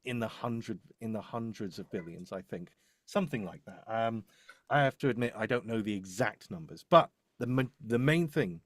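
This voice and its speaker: A voice-over demo producer talks about his work in a low voice at a moderate pace, with no room sound. He chats casually, hesitating and rambling as he thinks out loud.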